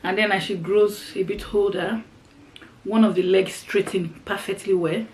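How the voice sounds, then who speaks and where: Seated on the floor indoors, a middle-aged woman mukbang vlogger chats casually with her viewers while eating, often repeating phrases as she explains things. Her mid-range voice is slightly mellow with fairly even intonation and a measured pace, in a low-quality recording.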